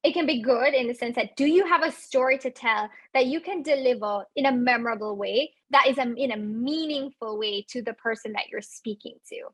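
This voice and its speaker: A woman in her thirties with an accent, giving animated coaching advice in a webinar and addressing listeners directly. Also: a little high, brisk, few pauses, husky, dry recording. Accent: non-native English accent. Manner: animated, laughs often, speaks directly to listeners. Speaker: webinar speaker on residency interviews.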